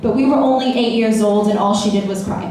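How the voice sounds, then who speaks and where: This young woman from Austin, Texas speaks fairly quickly with a darkish tone, reciting her own poems at an open mic in a small bar. Playful and wry, she laughs and leaps abruptly in pitch. The room echoes, her voice sounds far away, and a little noise sits underneath.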